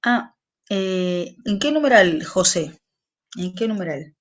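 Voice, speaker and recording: A woman teacher, giving an online class, explaining slowly and repeating phrases for her students. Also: on the low side, expressive.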